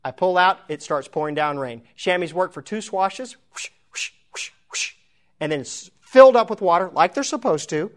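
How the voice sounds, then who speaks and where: Animated storytelling preacher man. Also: high voice, a little fast, few pauses. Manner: animated, self-mocking storytelling with laughs. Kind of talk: storytelling sermon.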